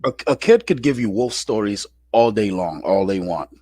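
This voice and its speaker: A man's voice: on the low side, lively intonation, normal speed, warm tone, dry recording, studio quality. A man hosting a casual call-in chat, talking in a laid-back, slangy way with frequent restarts. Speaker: show host.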